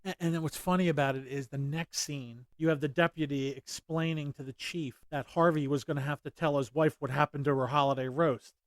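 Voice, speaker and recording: A man's voice: a little high, steady tone, brisk, few pauses, no room sound. A man hosting a casual movie commentary, rambling with many fillers and restarts. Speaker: podcast host.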